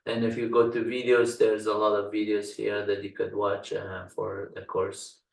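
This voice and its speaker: An older man from Afghanistan whose first language is Dari teaches computer science through a screen-share software tutorial. His gravelly, low voice is completely flat, halting and folksy, full of "uh" fillers. The recording sounds roomy, with him distant from the mic.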